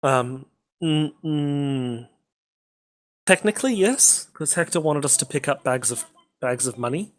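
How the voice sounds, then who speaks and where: A man's voice: fairly high pitch, animated, measured pace. A man co-hosting a casual gaming podcast, rambling with lots of ums and the odd swear. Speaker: podcast co-host.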